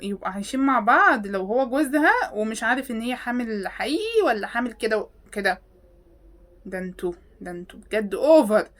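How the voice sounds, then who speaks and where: A woman with an Egyptian accent, reacting to videos with sarcastic, exasperated questions. She swings between loud outbursts and hushed mutters. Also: on the high side. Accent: Egyptian Arabic.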